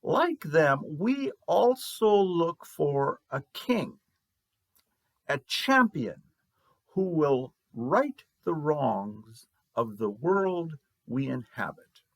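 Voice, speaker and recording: A man preaching a sermon as pastor, slow and measured with long pauses. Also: fairly high pitch, big pitch swings, creaky, dry recording.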